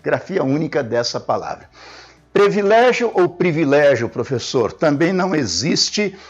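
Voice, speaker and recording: A man's voice: a little high, big pitch swings, normal speed, husky. Man, teacher explaining spelling rules, repeats points, muffled lo-fi sound, faint music behind. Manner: didactic, repeats key points with frequent "né?". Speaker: Portuguese language teacher. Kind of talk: classroom grammar lesson at a board.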